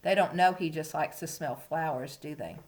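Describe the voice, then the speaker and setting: Reading a picture book to young children as though to a toddler, a woman teacher uses a low voice at a moderate pace, expressive and full of simple, coaxing questions. A little hiss or hum sits in the recording.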